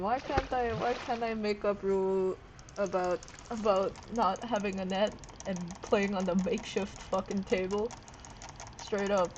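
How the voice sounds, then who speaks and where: Rambling, sleep-deprived young woman vlogging. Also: mid-range voice. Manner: rambling, swearing, jumps between topics. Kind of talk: casual rambling chat. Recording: noisy background hiss.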